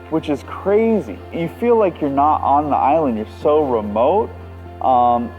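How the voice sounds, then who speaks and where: In a muffled outdoor recording at a harbor, an American man with a mid-range voice talks easily for his travel vlog. His manner stays relaxed and conversational, loose and sprinkled with fillers.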